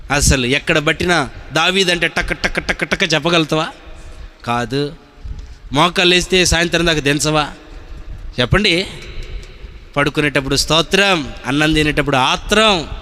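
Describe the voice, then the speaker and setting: A man preaching a sermon as pastor, emphatic, moving from hushed asides to shouted peaks. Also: fairly high pitch. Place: church hall. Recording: long reverb of a church hall, faint noise.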